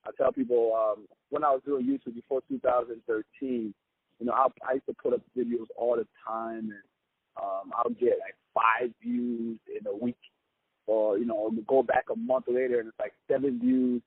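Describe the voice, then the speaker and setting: A man's voice: mid-range voice, expressive, normal speed, gravelly, husky, dry recording. A young man from Ghana, a comedian, chatting easily in a casual interview over the phone. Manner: easygoing, upbeat, chatty with fillers. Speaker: comedian guest. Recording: tinny phone-line sound.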